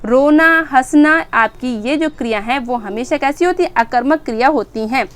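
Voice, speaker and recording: A woman's voice: sits high, normal speed. A woman teaching an exam-prep grammar lesson, asking questions and answering them herself and repeating key words.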